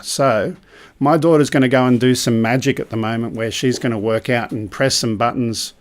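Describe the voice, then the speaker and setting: Male live-show host, mid-pitched, loose and rambling, filler-heavy chat. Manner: relaxed, rambling with many ums.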